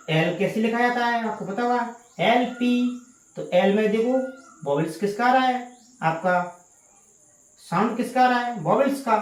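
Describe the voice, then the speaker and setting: A woman's voice: a little high, darkish tone. Echoey woman teaching English grammar. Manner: asks questions and answers them herself, repeats key words; addresses students as "guys". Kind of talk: online grammar lesson. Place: indoor room with a power cut. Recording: echoey room.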